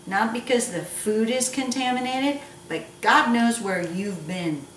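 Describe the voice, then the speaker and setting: A woman's voice: on the high side, lively intonation, unhurried, fairly bright tone. A woman hosting a casual cooking lesson with a jokey, playful manner and teasing asides. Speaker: cooking show host. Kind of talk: casual instructional cooking chat. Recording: echoey room, distant mic, noisy background.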